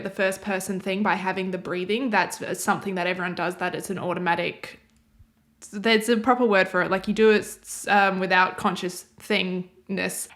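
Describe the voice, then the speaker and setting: Young woman talking through a trailer, loose and chatty, mid pitch. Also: a bit bright. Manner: chatty, rambling, thinks aloud. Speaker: reaction video host. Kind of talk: casual commentary on a game trailer.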